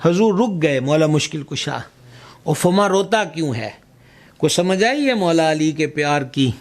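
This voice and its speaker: A man's voice: on the high side, animated. A man giving an impassioned sermon, acting out the voices of people in his story. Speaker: preacher.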